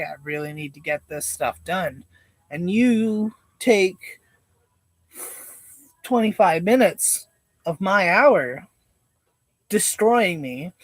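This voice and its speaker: Slow-talking laid-back stoner guy. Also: sits high, dry recording. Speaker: live streamer. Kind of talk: casual rambling livestream chat.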